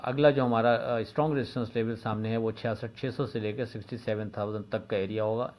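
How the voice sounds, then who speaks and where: Methodical male market analyst with Pakistani accent. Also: mid-range voice. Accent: Pakistani Urdu. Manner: steady, methodical, repeats figures and levels, frequent "uh" fillers. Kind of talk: daily market forecast commentary.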